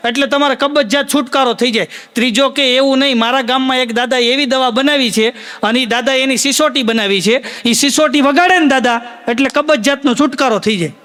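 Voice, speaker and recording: A man's voice: very high voice, a little fast, long reverb tail. A man telling comic folk stories to a live audience in a Kathiyawadi Gujarati accent, acting out the voices of the people in his tales. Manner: lively anecdotal delivery, acting out quoted voices. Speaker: stand-up comic storyteller. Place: stage show before a live audience.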